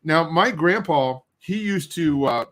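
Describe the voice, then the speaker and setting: A middle-aged man hosting a casual chat while he tastes hot sauce. He rambles in a halting, self-deprecating way, and his nose is running. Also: a little high, lively intonation, fairly bright tone. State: runny nose. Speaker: show host.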